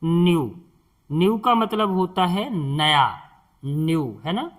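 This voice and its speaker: Brief: male tutor, high voice, unhurried, patient question-and-answer teaching. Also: big pitch swings. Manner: slow and patient, spells out words letter by letter and asks the viewer questions. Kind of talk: spoken English lesson for beginners.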